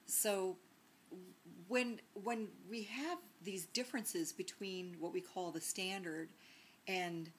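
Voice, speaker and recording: A woman's voice: mid-range voice, fairly even intonation, slow, slight background noise. A woman from the northern United States teaching a sociolinguistics lesson in a conversational lecture style, with many fillers and tag questions. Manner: conversational, frequent "right?" and "um" fillers.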